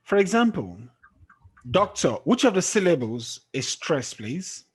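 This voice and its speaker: Man, English teacher, video call lesson, husky voice, fairly high pitch. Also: sing-song, a little slow. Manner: checks understanding often with "okay?". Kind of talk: online tutoring lesson.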